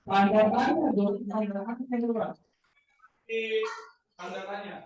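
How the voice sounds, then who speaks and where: High-voiced male teacher, animated, picked up from far off in a boomy classroom. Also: slow pace, very echoey, dull audio, noisy background. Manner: lively, calls on students, jokes.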